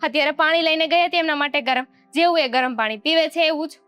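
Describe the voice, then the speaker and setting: A woman's voice: high-pitched, fast talker, a bit bright, no echo, faint music behind. A woman acting a put-upon young daughter-in-law who answers back sarcastically in a family drama. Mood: frustrated.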